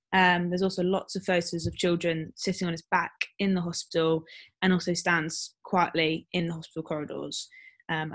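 Chatty woman podcast co-host, low voice. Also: fairly bright tone. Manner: chatty, laughs often, many fillers. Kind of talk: casual chat.

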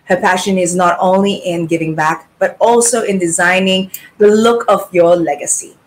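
A woman's voice: fairly low pitch, steady tone, moderate pace, rough recording. A woman host reading a polished, scripted guest introduction. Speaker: show host.

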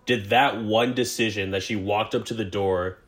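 Low-pitched man, podcast co-host, wry running commentary over a movie watch-along. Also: fairly even intonation, normal speed, a bit bright. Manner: wry, narrates what happens on screen.

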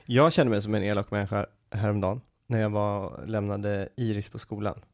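Guy co-hosting a chill podcast, kinda gravelly voice, rambles through stories with lots of uh and like. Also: lowish voice, fairly even intonation. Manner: rambling anecdotal storytelling with many fillers. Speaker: podcast co-host. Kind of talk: casual chat.

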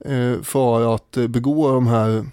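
A man co-hosts a casual history podcast in a warm, mellow voice. He speaks thoughtfully, stopping often on fillers as he works out his points. The sound is close and dry, with no room around it. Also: mid-range voice, fairly even intonation, clear, resonant tone, no room sound. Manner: thoughtful, hesitant with many fillers. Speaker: podcast co-host.

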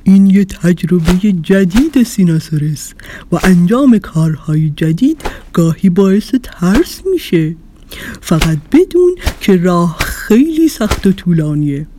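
Woman doing a booming, boastful dinosaur. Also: slight background noise. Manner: slow, loud and booming, proud. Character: big boastful friendly male dinosaur. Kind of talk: children's audio story.

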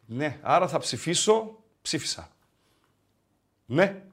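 A man co-hosting a sports live stream, reading viewer messages aloud in an animated, joking, emphatic way while a bit under the weather. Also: fairly high pitch, slightly rough. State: slightly sick.

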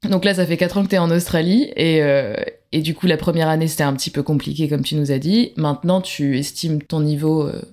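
A woman hosting a podcast interview, relaxed, with quick follow-up questions. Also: low voice. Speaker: podcast host. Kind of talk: casual interview chat.

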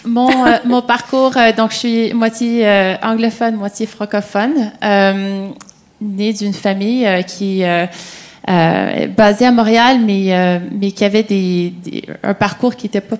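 A woman's voice: mid-range voice, steady tone, measured pace. A Canadian woman in her forties with a Québécois accent, introducing herself on a live podcast panel in a hesitant way with many fillers. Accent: Québécois French. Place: theatre stage.

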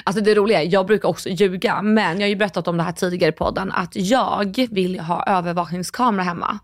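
A woman co-hosting a casual podcast chat, frank and joking, with quick reactions. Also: medium pitch, no echo, clean studio sound. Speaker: podcast co-host.

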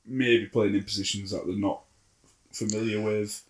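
A man co-hosting a casual sports podcast, wry and dry, often trailing off quietly. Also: fairly low pitch, level tone, moderate pace. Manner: dry, wry, drops volume at sentence ends. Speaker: podcast co-host. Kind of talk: casual chat.

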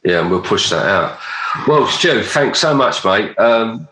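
Male podcast host, forceful bright tone, earnest rambling conversational delivery, echoey room. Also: fairly low pitch, lively intonation, unhurried, a little hiss or hum. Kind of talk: casual conversational interview. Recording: roomy echo.

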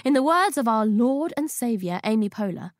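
A woman's voice: on the high side, lively intonation, moderate pace, no echo, studio quality. A woman reading her essay aloud for an audiobook, in a playful, witty and slangy manner.

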